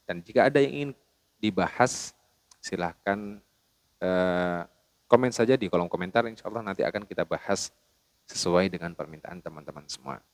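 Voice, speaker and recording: A man teaching Quran recitation rules, explaining plainly and then chanting each verse slowly and melodically. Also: low voice, no room sound. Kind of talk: tajwid lesson with chanted recitation.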